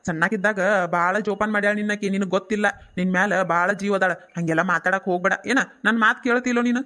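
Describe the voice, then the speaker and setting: A mid-pitched, quick-talking village father, voiced by a performer who keeps trying to calm everyone down. His speech has a North Karnataka accent and a gentle, coaxing manner. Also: close to an everyday voice. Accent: North Karnataka Kannada. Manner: coaxing, calming tone. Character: soothing village father, peacemaker.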